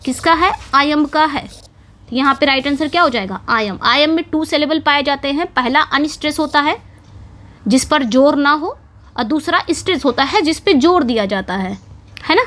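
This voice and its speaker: During an English exam-prep lesson, a woman explains things one step at a time in a high, slightly bright voice at normal speed. She keeps asking her students "ठीक है" and "समझ में आ गया".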